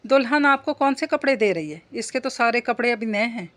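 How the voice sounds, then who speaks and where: Woman reading sensible young wife and mother, reasonable, soothing, slightly high voice. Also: expressive, a little fast, fairly bright tone.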